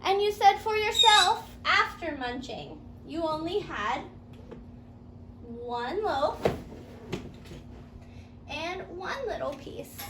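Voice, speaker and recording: A woman with a very high, expressive voice talks slowly and pauses often. She walks a pupil through a playful fairytale math lesson step by step, using sing-song questions and repeating answers to encourage them. Roomy echo and faint background noise are audible.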